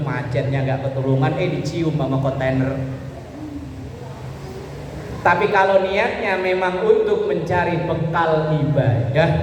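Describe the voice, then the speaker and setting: Speaking to a women's study group, this Islamic preacher delivers a casual, colloquial sermon, repeating points to explain them, in a Javanese Indonesian accent. His voice is medium-pitched and a little mellow, and the hall echoes, with faint background noise.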